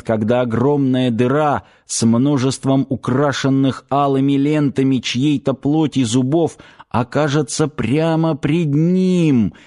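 A man narrating an action audiobook in a measured, vivid storytelling manner. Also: mid-range voice, a little mellow.

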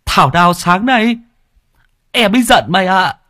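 A whiny, weepy young man wails his heartbreak in a squeaky, cracking high voice that lurches all over the place. He sounds close and dry, with no room around him. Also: lively intonation, moderate pace, sharp tone, no echo. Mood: giddy. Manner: sobbing, blubbering high voice. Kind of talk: audiobook character voice.

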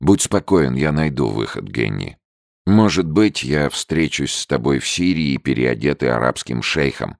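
A man voicing a stubborn young male soldier who speaks sharply and excitedly, his voice cracking at times. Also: extremely low pitch, normal speed, vocal fry, dry recording, clean studio sound, heavily acted. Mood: bitter. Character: tense bitter young male deserter, stubborn.

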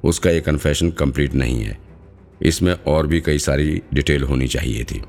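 A sharp-minded young woman investigator in an audiobook, reasoning aloud and probing every detail, as a man puts her on in a raised voice over a very deep natural register. Her lines run with a quiet bed of music underneath. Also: normal speed. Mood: analytical.

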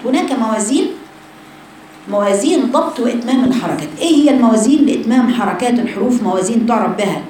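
Fast-talking Egyptian woman teaching recitation. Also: mid-range voice, mellow, slight background noise. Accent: Egyptian Arabic. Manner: demonstrates sounds by repeating syllables, addresses female students. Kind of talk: religious lesson on tajweed. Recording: heavily echoing room.

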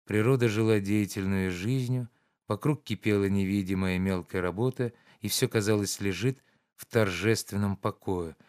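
A male audiobook narrator with a fairly low voice reads a classic novel. His delivery is measured and even, with a calm storyteller's pacing. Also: clear, resonant tone.

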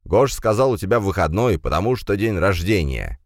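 A man's voice: sits low, very animated, moderate pace, no room sound, clean studio sound, pitched above the performer's own voice. A man voicing an eccentric, cheerful young aristocrat who declaims pompously. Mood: theatrical.

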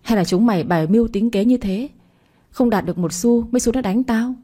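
A woman voicing a quarrelsome older mother-in-law who yells abuse and accusations from the gate, in storytelling narration. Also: fairly high pitch, brisk, pitched above the performer's own voice, natural voice. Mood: accusing.

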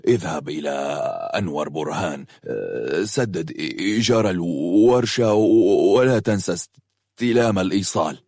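A man's voice: lowish voice, animated, normal speed, a little mellow, no echo. A man voicing a bitter, sardonic young workshop owner in a storybook reading. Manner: dry, sardonic.

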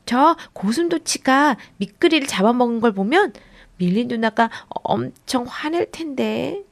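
A woman voicing an excitable little boy who shouts eagerly at his big sister. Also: a little high, unhurried, vocal fry. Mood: excited.

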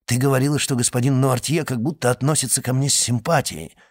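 A man reading an audiobook and voicing a resolute young man in love, speaking low and solemnly. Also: fairly even intonation, fast talker, dry recording, clean studio sound, natural voice. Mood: earnest. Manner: low, earnest, solemn vows.

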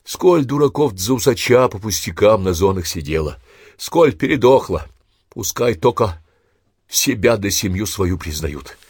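A man voicing a coarse, grumpy old man in his eighties who is dying, talking gruffly in short, breathless phrases. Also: fairly low pitch, lively intonation, unhurried, a little mellow, no room sound, clean studio sound. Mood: grumbling.

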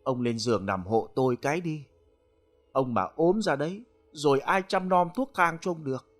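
Man doing shrill scolding peasant wife for a spoken ghost tale; pitch pushed up. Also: big pitch swings, normal speed, soft background music. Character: nagging peasant wife, middle-aged.

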